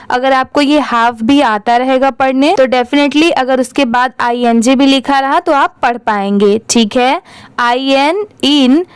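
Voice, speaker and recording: Hindi-accented woman teacher, slow and patient, crisp clear voice, spells out words letter by letter. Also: sits high, no echo, low-quality recording. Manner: spells words letter by letter, then asks how to read them. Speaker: English reading teacher. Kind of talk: slow spelling-out reading lesson.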